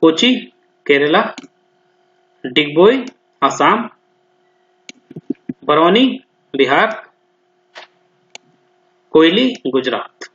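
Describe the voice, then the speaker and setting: A man's voice: fairly high pitch, very animated, extremely slow, long pauses, fairly bright tone, slight background noise. A man tutoring students through exam questions, thinking aloud, repeating answers and speaking to them directly. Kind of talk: explanatory lesson, solving exam questions. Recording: roomy, dull lo-fi sound.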